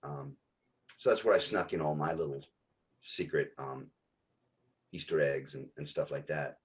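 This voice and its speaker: A man, a game localization director, answering podcast interview questions haltingly, with many ums and restarts. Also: extremely low pitch, lo-fi sound.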